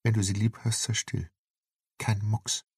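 A muffled, cold intruder, played by a male narrator in an audiobook thriller, coaxing his victim with soft, quiet commands. The voice is gravelly and husky. It sits close and dry, with no room around it. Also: on the low side, level tone, unhurried, no echo, voice pushed up, full character voice. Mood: coaxing menace. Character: menacing masked male intruder, calm and cold.

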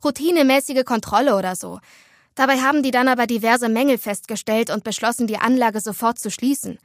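A woman voicing a lively, chatty teenage schoolgirl in a storybook, talking quickly and dramatically. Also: a little high, no room sound, clean studio sound, close to an everyday voice. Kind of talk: storybook dialogue.

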